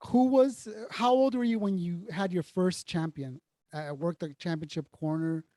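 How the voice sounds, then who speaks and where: A high-voiced man hosts an interview, asking eager questions that come out in halting restarts. The sound is dry and close. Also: mellow, dry recording. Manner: eager, repeats words while forming questions. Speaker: interview host. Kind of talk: casual interview.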